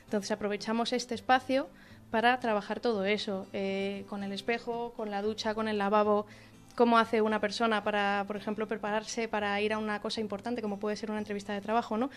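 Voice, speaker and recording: A woman's voice: mid-range voice, flat delivery, a little fast, faint music behind. A woman with a Spanish accent, explaining her association's work to a radio reporter, with frequent fillers. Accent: Spanish from Spain. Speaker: association social worker. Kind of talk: explaining during a radio visit.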